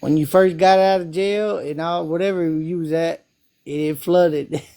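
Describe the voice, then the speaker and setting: A man's voice: on the high side, steady tone, unhurried, mellow. A man from South Memphis with a Southern accent, chatting casually on a call, laid-back, laughing often and cursing freely. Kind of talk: casual chat.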